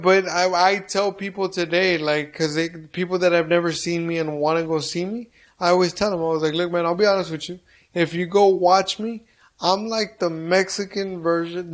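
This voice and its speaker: This man does stand-up and talks on a relaxed podcast with a blunt, foul-mouthed, storytelling energy. His voice sits high and moves at a normal speed. The recording room is very echoey.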